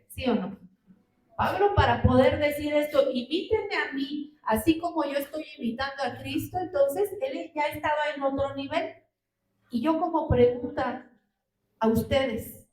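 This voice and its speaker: Female preacher, high pitched, asks rhetorical questions, recorded from afar in a roomy hall. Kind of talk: sermon. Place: church hall. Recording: roomy hall, distant mic.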